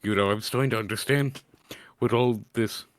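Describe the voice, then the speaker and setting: A man's voice: fairly low pitch, normal speed, no echo. Joking man reading game lines. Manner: joking, reads dialogue with quote marks. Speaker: streamer playing a courtroom game. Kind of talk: casual chat and reading game lines aloud.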